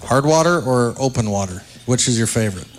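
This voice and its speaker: A man hosting a live radio broadcast from a dinner event, asking relaxed, chatty questions full of fillers. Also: mid-range voice, brisk. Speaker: radio play-by-play host. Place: large arena banquet hall.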